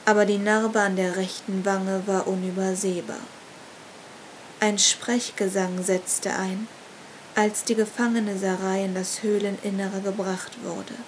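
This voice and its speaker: Woman narrator for a dark fantasy audiobook, measured and unhurried, level pitch. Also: a little hiss or hum, rough recording. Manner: slow, even, measured reading.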